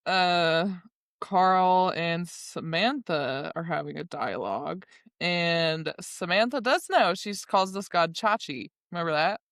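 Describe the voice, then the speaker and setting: A woman's voice: lowish voice, slow, fairly bright tone, no echo, clean studio sound. A woman co-hosting a podcast, chatting casually about a book; she rambles, laughs often and swears freely. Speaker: podcast co-host. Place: recording studio.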